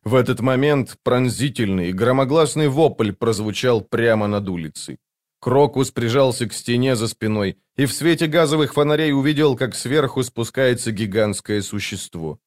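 Guy narrating a fantasy audiobook, steady and measured, middle pitch.

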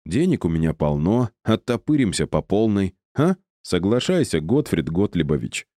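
A man voicing a cheeky young office clerk who flatters and bargains. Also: lowish voice, no room sound, clean studio sound, pitched above the performer's own voice, close to an everyday voice. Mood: wheedling. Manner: flattering, wheedling, quick to bargain.

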